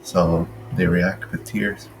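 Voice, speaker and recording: A man giving mocking, scornful reaction commentary over a clip he pauses. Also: sits low, level tone, music in the background, rough recording.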